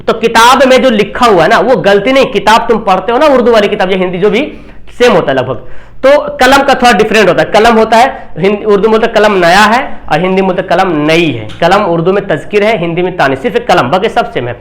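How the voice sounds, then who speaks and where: A man teaching a grammar class online, who explains slowly, repeats example sentences and keeps checking with the students. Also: sits high, animated, fairly bright tone.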